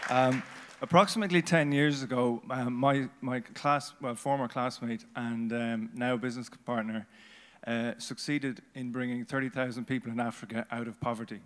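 A middle-aged man giving a halting, unscripted pitch as an entrepreneur. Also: fairly even intonation, a faint crowd. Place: large conference stage, indoors. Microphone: handheld microphone. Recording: reverberant conference hall.

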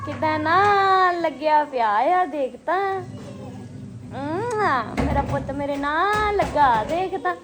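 High-pitched chatty woman vlogger. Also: expressive, slow pace. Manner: repeats words and phrases for emphasis. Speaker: family vlogger. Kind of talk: casual chatty home vlog, talking to viewers and family. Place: busy family home. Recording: noisy handheld home recording.

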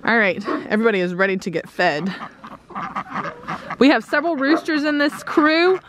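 A woman's voice: a little high, sing-song, normal speed, noisy background. A woman in her thirties giving a casual farm tour, explaining things with lots of "um"s while holding the camera at arm's length outdoors. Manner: chatty, explanatory, many "um"s. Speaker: homesteader vlogger. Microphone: camera held at arm's length.

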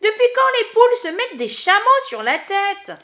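A woman's voice: extremely high pitch, big pitch swings, normal speed, a bit bright. A woman interrupting a children's story with exasperated, scolding corrections. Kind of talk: read-aloud storytelling for children.

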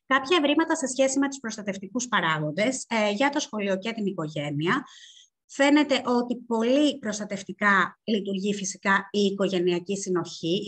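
A woman presenting research findings at an online seminar, speaking in a measured way with frequent hesitations. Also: medium pitch.

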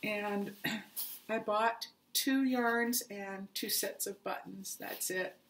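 A woman's voice: mid-range voice, steady tone, takes it slowly, fairly bright tone, a little hiss or hum. A woman showing her yarn haul in a casual, chatty way, tired and with her voice fading, stumbling over her words now and then. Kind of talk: casual chat to camera.

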